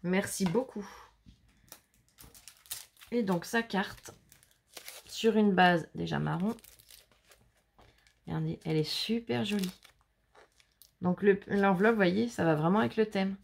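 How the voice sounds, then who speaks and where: A woman's voice: mid-range voice, slow pace, gravelly, pauses often, breathy edge. A woman from France, hosting a casual show-and-tell of handmade cards at home, chatty and gushing as she talks to her viewers. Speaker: scrapbooking channel host.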